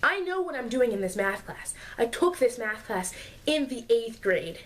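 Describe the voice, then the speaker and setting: Young woman ranting about class, kinda high voice, sarcastic and fed up. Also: big pitch swings, normal speed, a little hiss or hum. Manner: exasperated, sarcastic, mocks classmates in put-on voices. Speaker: vlogger. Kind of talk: casual storytime rant.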